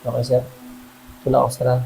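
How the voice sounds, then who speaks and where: This man works as a massage therapist and talks his client through each step. His voice is mellow and dark, set at an ordinary middle pitch. He stays calm and reassuring, with a polite "sir" in nearly every phrase. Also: fast talker, gravelly, rough recording. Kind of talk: casual instruction during a hands-on treatment.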